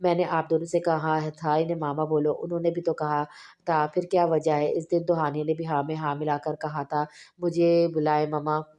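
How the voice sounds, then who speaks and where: A woman's voice: low voice, level tone, moderate pace, a little mellow, dull audio, close to an everyday voice. A woman voicing a firm father who questions his children in a probing way. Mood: questioning. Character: stern wealthy father, questioning man.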